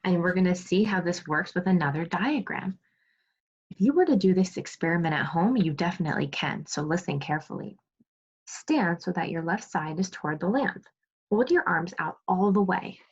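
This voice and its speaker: A woman teaching second grade reads and explains to young children, asking them questions and praising pupils along the way. Her pitch is fairly low, with a breathy edge, and the recording sounds dull and lo-fi.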